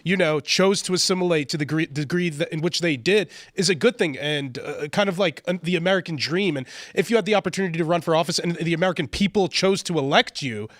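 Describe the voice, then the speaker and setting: Fast-talking argumentative man. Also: a little high, a bit bright, no echo, clean studio sound. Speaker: panel guest. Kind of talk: casual panel discussion.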